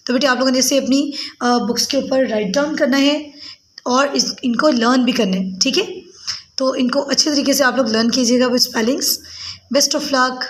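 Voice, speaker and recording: A woman teacher giving a recorded lesson to children. She speaks with a lilt, calls her pupils "beta", pauses on many "uh"s and reads English words out slowly. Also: sits high.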